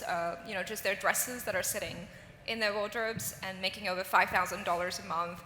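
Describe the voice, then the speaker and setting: A woman's voice: medium pitch, sharp tone, a little hiss or hum. A woman who grew up in Singapore, a company founder speaking on a live conference panel. She talks in an earnest, emphatic way. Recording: roomy hall with faint ambience.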